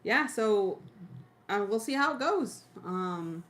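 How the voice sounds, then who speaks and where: A woman's voice: medium pitch, animated, slow, fairly bright tone. A woman chatting casually as co-host of a live stream. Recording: clearly noisy, with room ambience.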